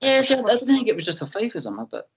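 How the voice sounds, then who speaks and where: Male podcast guest, Fife Scottish accent, husky voice with lively swings, casual and halting, slightly dull lo-fi audio. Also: sits high. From Fife, Scotland. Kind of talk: casual chat.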